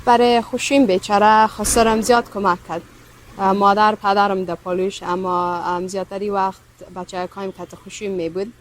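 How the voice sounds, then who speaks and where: Measured woman lawyer, hesitant. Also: medium pitch, little pitch movement, slight background noise, low-quality recording. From Afghanistan, raised in the United States. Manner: measured, hesitant, many ums. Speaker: immigration lawyer. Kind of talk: interview answers.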